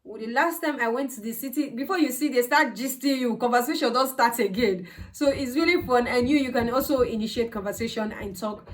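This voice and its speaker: A woman's voice: on the high side, brisk, hardly any pauses. A woman from Nigeria with a Nigerian accent gives a casual explanatory vlog talk, conversational and emphatic, often repeating words for stress. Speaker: vlogger, healthcare assistant. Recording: voice distant from the mic.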